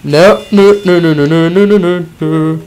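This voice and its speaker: A man giving live commentary over his own gameplay, excitable and goofy, often breaking into high-pitched yelps and sing-song chants. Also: measured pace, smooth, faint music behind. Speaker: gaming commentator.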